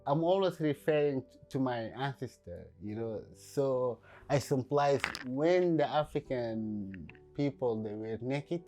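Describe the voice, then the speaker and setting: A man speaks in a documentary interview, in a mellow, warm voice. He talks reflectively, pausing and filling gaps as he searches for words. Soft music plays faintly beneath him. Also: medium pitch, animated. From Sudan. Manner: reflective, halting with many fillers. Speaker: painter.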